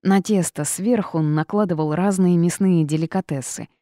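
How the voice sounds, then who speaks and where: Low, mellow-voiced woman reading an audiobook. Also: normal speed, no room sound, clean studio sound. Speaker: audiobook narrator. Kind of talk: first-person audiobook narration.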